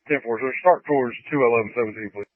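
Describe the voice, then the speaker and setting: A man's voice: mid-range voice, fast, no room sound. A man acting as a fire incident commander over a police and fire radio channel, giving terse orders and acknowledgements. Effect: heard over a police and fire radio channel. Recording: narrowband radio transmission.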